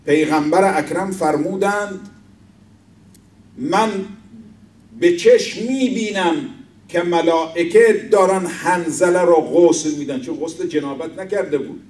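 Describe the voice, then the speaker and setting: A man's voice: high-pitched, darkish tone. A man giving a religious sermon, telling a story and quoting its figures with rising emphasis. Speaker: speaker at an Islamic center. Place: mosque hall. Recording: echoey hall, voice from far off.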